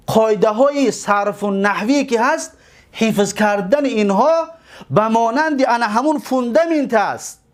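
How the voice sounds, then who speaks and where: A man with a Tajik accent teaching a grammar class. He explains slowly, repeats words and keeps asking his students questions. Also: sits high.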